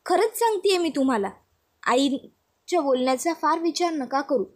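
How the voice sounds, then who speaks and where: A woman's voice: high-pitched, lively intonation, moderate pace, darkish tone. A woman voicing a young sister-in-law who talks in a coaxing, reassuring way.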